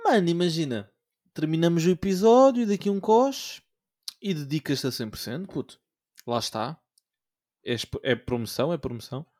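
A man's voice: on the high side, animated, moderate pace, darkish tone. A young man with a European Portuguese accent chatting casually, teasing his co-host in slangy, incredulous remarks. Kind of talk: casual chat.

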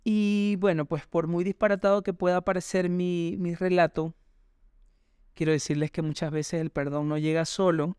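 A man's voice: high-pitched, level tone, moderate pace, darkish tone, clear, resonant tone, no room sound, clean studio sound. A man hosting a personal podcast, telling a reflective, rambling story and addressing his listeners directly. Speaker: podcast host.

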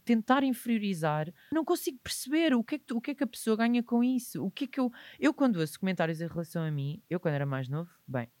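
A man in his twenties speaks with a European Portuguese accent, mid-pitched and frank. He stresses his points hard and now and then breaks into laughter. The sound is dry and close. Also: very animated, fast, few pauses, darkish tone, no room sound. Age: 20s. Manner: emphatic, open and reflective, with sudden laughs. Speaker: guest entrepreneur. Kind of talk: candid podcast conversation.

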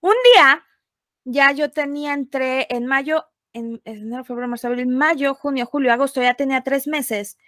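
A woman's voice: sits high, moderate pace, no room sound, studio quality. A young Mexican woman, a podcast guest, telling a personal story casually and animatedly, acting out what people said. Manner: animated, acts out quotes.

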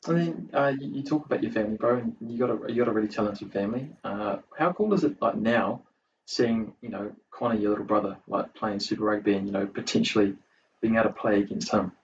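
A man's voice: on the low side, quick pace. A man with a New Zealand accent interviewing as a podcast host in casual, slangy, hesitant phrasing. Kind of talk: casual chat. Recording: dull, distant mic with faint noise.

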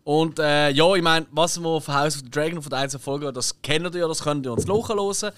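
A young man with a Swiss German accent talks in a chatty, rambling way and laughs often. His voice sits a little high for a man. He is recorded dry and close on a podcast mic. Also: a little fast, a bit bright, clean tone, no room sound. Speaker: podcast co-host. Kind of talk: casual chat.

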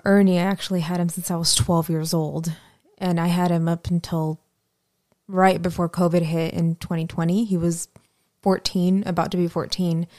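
Woman with a lowish voice, talks slow and halting with lots of ums, dry close sound. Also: dark tone, no echo. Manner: hesitant and reflective, many pauses and fillers. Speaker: guest, host's fiancée. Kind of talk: personal conversation.

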